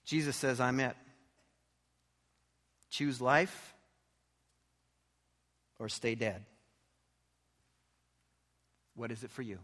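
In a large, reverberant church hall with background music, a man preaches and prays in an urgent, exhortative style full of short repeated phrases and rhetorical questions. His voice is medium in pitch and a bit bright, and he speaks extremely slowly, leaving long pauses.

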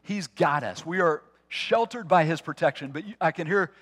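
A man preaching a sermon to his congregation, earnest and personal, dropping to a soft hush on key phrases. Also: a little high, normal speed. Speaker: pastor.

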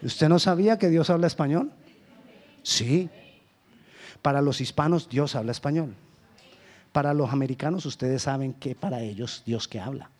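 A Colombian man preaching a sermon as pastor, swinging between loud emphasis and hushed lines. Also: a little high, moderate pace, long pauses. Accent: Colombian Spanish.

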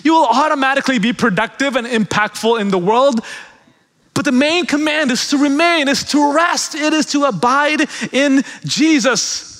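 A man preaching a sermon as pastor, swinging between loud, emphatic peaks and hushed, quiet passages. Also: very high voice, moderate pace. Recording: long reverb of a large hall.

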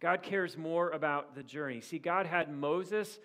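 A man's voice: a little high, unhurried, fairly bright tone. A man in his forties preaching a sermon, earnest and building to emphatic repetition. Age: 40s. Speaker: pastor.

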